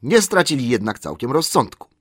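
A man narrating a fantasy audiobook in a steady, measured reading. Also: medium pitch, husky, dry recording, clean studio sound. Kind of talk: scripted narration.

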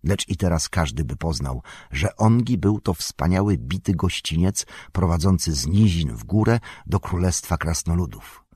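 A man reading a fantasy novel aloud in a measured, lyrical narration. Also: deep voice, expressive, darkish tone, husky, no echo. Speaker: audiobook narrator. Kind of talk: scripted narration.

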